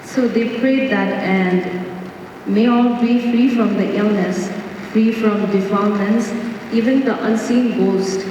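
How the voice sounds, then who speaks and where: A woman's voice: mid-range voice, fairly even intonation, takes it slowly, warm tone. A young woman from Nepal speaking earnestly to an audience at a panel, sometimes searching for words. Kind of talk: personal talk to an audience. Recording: echoey hall, from far off, with clear room noise.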